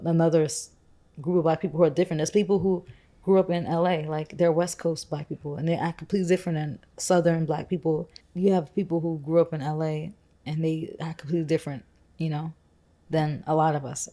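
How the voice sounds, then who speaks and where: Low, mellow-voiced young woman chatting. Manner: rambling, frequent "like" fillers. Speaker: podcast co-host. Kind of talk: casual conversational chat.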